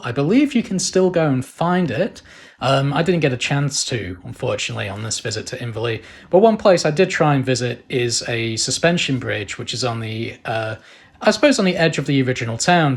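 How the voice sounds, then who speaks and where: A man narrates a casual camping vlog. His voice is husky and sits at an average pitch, and he tells things in a chatty, informal way. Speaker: camping vlogger.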